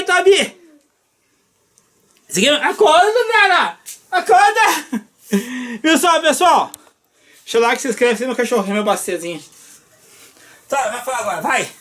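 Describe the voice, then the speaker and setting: A woman hosting a casual home vlog, playful and loudly calling out repeated wake-up cries. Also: high voice, lively intonation, measured pace, long pauses. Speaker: vlogger host.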